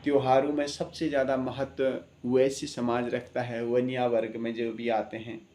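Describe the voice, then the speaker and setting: A man's voice: mid-range voice, little pitch movement, moderate pace, warm tone. Earnest preaching man in an echoey room. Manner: earnest, preaching, many rhetorical questions. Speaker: astrologer. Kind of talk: impassioned spoken address.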